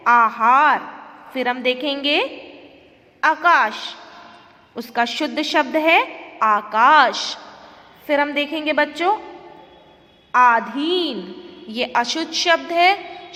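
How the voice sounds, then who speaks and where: A woman's voice: high voice, fairly bright tone, big-room sound. A woman school teacher giving an online class lesson, speaking carefully and repeating words for emphasis.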